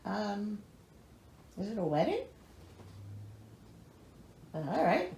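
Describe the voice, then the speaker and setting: This time the host's voice is medium-pitched, sing-song, and slow, gravelly yet a little mellow. She reads the storybook theatrically, with sarcastic, incredulous asides, in an echoey room with a little hiss or hum.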